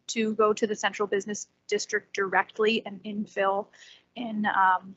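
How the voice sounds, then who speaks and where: A woman councillor putting a formal, deliberate question to planning staff at a committee meeting. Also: medium pitch, pushed and bright, dry recording. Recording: dry lo-fi online audio.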